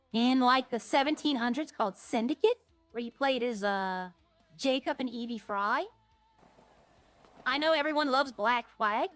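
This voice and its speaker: A woman with a fairly high voice streams a game, chatting in a loose, informal way. She rambles along as she talks to her viewers. The sound is slightly dry, with music playing underneath. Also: no echo.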